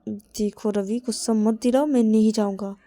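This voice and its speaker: A woman voicing a hot-tempered young man who angrily refuses and threatens, in a repetitive, shouting manner. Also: medium pitch, fairly even intonation, moderate pace, dry recording, voice pushed up, lightly acted. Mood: angry refusal.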